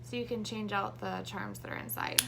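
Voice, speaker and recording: A woman's voice: medium pitch, very animated, fairly quick, gravelly, heavy background noise. A woman in her thirties, heavily pregnant and short of breath, giving a casual hands-on craft tutorial to camera. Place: small indoor craft room.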